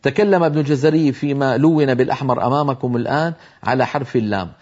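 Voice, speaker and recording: A man teaching Quran recitation in a televised lesson, explaining carefully and slowly demonstrating how words are pronounced. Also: mid-range voice, darkish tone, slightly rough, dull audio.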